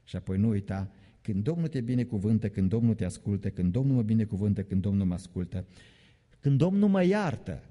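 A pastor with a warm, fairly low voice and lively intonation delivers an evening sermon in a church sanctuary. He is emphatic, repeats key phrases, and makes mocking jokes, all under the long reverb of the hall.

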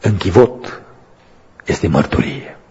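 A man preaching a sermon in a church, moving from a quiet testimony to loud, emphatic preaching. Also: on the low side, very animated, breathy edge. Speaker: pastor. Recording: muffled, echoey church hall recording.

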